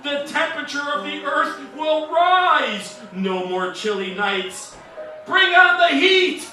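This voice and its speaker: A man's voice: very high voice, animated, bright, forceful tone, heavily acted. A man playing a bombastic, deranged space captain in a parody of an old-time children's radio serial, speechifying grandly. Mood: rabble-rousing. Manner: grandiose, slow theatrical speechifying. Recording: distant, heavily echoing, music behind.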